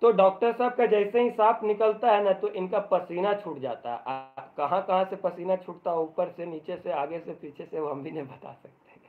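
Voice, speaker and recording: A male teacher giving a live online English lesson in Hindi, joking as he explains and reading the English passages aloud very slowly. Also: high voice. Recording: tinny phone-like audio.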